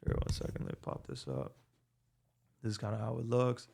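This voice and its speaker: A man's voice: fairly low pitch, very animated, fairly quick, vocal fry, a little mellow. A young man, rambling through a casual vlog with lots of fillers and restarts, into a desk microphone. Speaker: vlogger.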